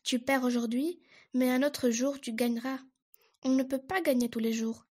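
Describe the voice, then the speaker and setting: A woman voicing a gentle mother beaver who speaks in a soothing, reassuring way. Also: high-pitched, fairly even intonation, normal speed.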